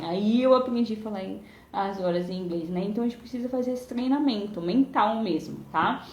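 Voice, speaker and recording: A woman's voice: mid-range voice, darkish tone, slight background noise. Chatty Brazilian woman teaching in an echoey room. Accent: Brazilian Portuguese. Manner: chatty, explains with many "né?" and "tá?" tags. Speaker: English teacher. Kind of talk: live-streamed language lesson. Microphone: phone or webcam.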